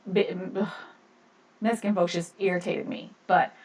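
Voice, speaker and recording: A woman's voice: lowish voice, steady tone, moderate pace, darkish tone, far from the mic. A woman co-hosting a casual live-stream chat, rambling and laughing often. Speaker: podcast co-host.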